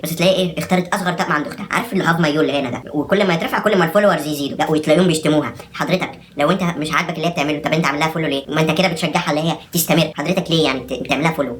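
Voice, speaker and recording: A man's voice: on the high side, fairly bright tone, slight background noise. A young man in his twenties with an Egyptian accent, delivering a sarcastic, exasperated comic rant to camera. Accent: Egyptian Arabic. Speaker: vlogger.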